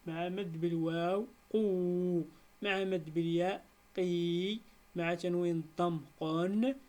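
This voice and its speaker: A woman teacher with a Moroccan accent, reading a beginners' Arabic lesson slowly and deliberately, breaking words into syllables and stretching them out. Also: fairly low pitch. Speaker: primary school teacher.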